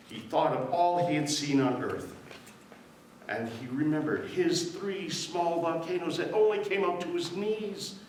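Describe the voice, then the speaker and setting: A man telling a story at a live event, expressive and drawn out. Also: fairly high pitch, slight background noise. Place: event hall. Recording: echoey hall from far off.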